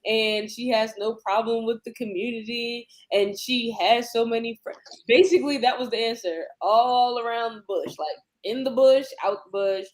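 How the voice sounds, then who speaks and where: A man's voice: extremely high pitch, moderate pace, rough recording. A man with a New York accent, co-hosting a casual panel chat and telling stories in a slangy, joking way. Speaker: panel co-host.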